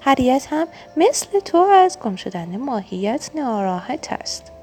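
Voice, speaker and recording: A woman voicing a calm, loving mother turtle in a storybook reading. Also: high voice, faint music behind, voice pushed up. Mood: gentle.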